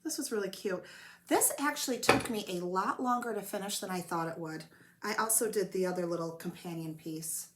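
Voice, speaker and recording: A flosstube host chats casually in a home stitching show, rambling a little and poking fun at herself while she coughs through a cold. Her voice is medium-pitched, a bit bright and a little fast, with slight hiss or hum in the recording. She's in a home room with blankets over the windows.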